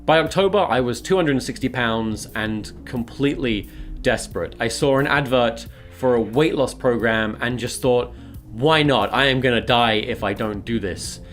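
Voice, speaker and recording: A man who documents his weight loss on video speaks to his audience in a confessional, partly scripted vlog, poking fun at himself as he goes. His mid-range voice moves at a normal speed and sounds a bit bright, with soft music playing behind him.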